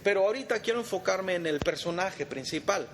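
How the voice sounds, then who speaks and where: In a church meeting hall, a man leads a conversational Bible study, quizzing his group and addressing them as brother. His voice is high and briskly paced with lively intonation. Long reverb and faint background noise fill the recording.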